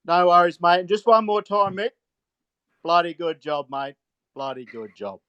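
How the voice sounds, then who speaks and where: A man's voice: high voice, expressive, moderate pace, fairly bright tone, clear, resonant tone, dry recording, dull audio. A man with a broad Australian accent chatting casually as a blokey caller, repeating himself and swearing mildly and often. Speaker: phone-in caller, truck driver. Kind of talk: casual rambling chat.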